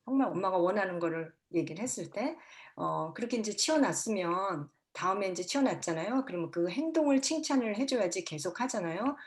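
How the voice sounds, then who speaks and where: A woman's voice: medium pitch, animated, fairly quick. Woman, middle-aged, family counselor, lecturing parents, acts out quoted dialogue, mixes in English words.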